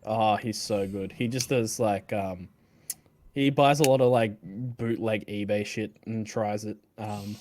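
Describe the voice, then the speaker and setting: A man's voice: fairly low pitch, fairly even intonation, measured pace, darkish tone, slight background noise. A man joking and laughing easily in casual podcast chat. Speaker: podcast guest.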